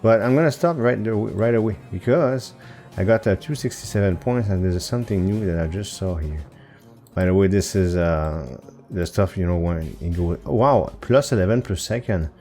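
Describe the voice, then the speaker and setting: A man's voice: deep voice, moderate pace, dark tone, soft background music. A man hosting his own gaming channel, thinking aloud over gameplay with hesitant fillers and self-corrections. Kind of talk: casual gameplay commentary. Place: home recording setup.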